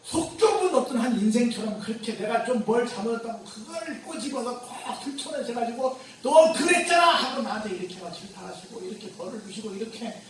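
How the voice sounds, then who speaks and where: A man's voice: very high voice, lively intonation, fairly quick, hardly any pauses, darkish tone, recorded from a distance, slight background noise. A male pastor preaching a sermon in a conversational way, firing rhetorical questions at the congregation. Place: church sanctuary. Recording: very echoey church room from afar.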